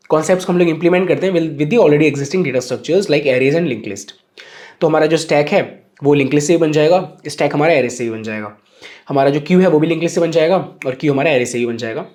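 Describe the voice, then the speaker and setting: Upbeat Indian tech tutor, slightly high voice. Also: male voice, a little mellow. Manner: casual, explanatory, checks in often. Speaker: programming educator. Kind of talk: Hinglish tech tutorial talk.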